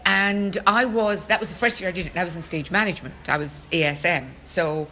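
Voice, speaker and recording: A woman's voice: lowish voice, fairly quick, pushed and bright, slight background noise. A woman co-hosting a podcast, telling a story in a chatty, wry, teasing way. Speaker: podcast co-host. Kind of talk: casual chat.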